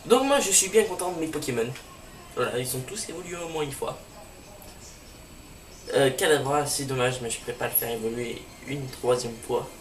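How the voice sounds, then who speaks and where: A man's voice: mid-range voice, lively intonation, moderate pace. A man chats his way through a game, with plenty of fillers along the way. His voice sounds roomy and distant from the mic, with a faint hiss behind it. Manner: chatty, filler-heavy. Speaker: let's play host. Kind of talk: casual game commentary.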